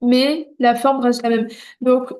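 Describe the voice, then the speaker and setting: Speaking with a fairly high pitch, darkish tone, and flat delivery, a woman teaches beginners to read Arabic. She goes syllable by syllable, repeating each slowly and clearly, staying patient and reassuring and checking in often.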